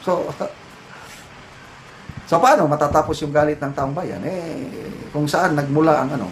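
A man's voice: fairly high pitch, expressive, slow pace, a little hiss or hum, low-quality recording. A man with a Filipino accent giving casual, opinionated political commentary and mixing English phrases into his talk.

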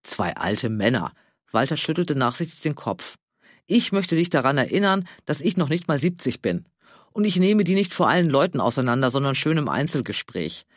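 A man voicing a stubborn, pompous retired tax official in his sixties, deep and slow. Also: big pitch swings, no room sound, studio quality. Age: 60s.

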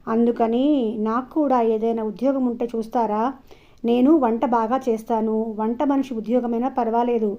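A woman's voice: a little high, steady tone, normal speed, mellow, muffled recording, natural voice. A woman storyteller voicing a humble, grateful older widow who speaks politely and deferentially.

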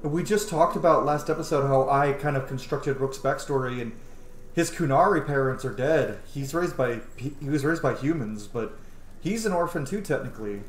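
A man with a mid-range voice streams a game, giving casual, enthusiastic, sweary let's play commentary at a moderate pace. He's indoors in a small room at home, and the roomy home mic picks him up over game music, with a little hiss or hum.

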